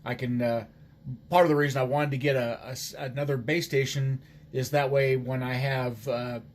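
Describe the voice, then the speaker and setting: A man talks casually as an amateur radio operator, halting and hesitant in his speech. His voice is mid-range and his delivery flat.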